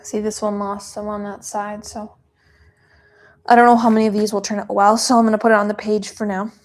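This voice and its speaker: A woman's voice: medium pitch, level tone, brisk. A woman chatting casually as she works through a live flower pressing demo, thinking aloud and a bit out of breath.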